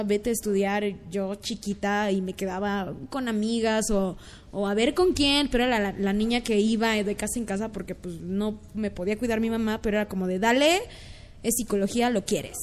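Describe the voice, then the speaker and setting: A young woman with a Mexican accent in casual, earnest chat, telling stories and dropping to soft murmurs. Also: medium pitch. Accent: Mexican Spanish.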